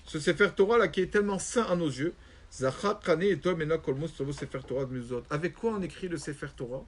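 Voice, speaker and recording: A rabbi telling a story in a religious lesson, animated and acting out quoted voices. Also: male voice, a little high, fast.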